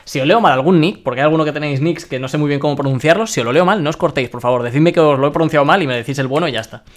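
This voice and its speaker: A young man from Spain chatting excitedly while streaming a game and reading his chat aloud. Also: fairly high pitch, rapid-fire. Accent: Spain Spanish. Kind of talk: live-streamed gameplay commentary.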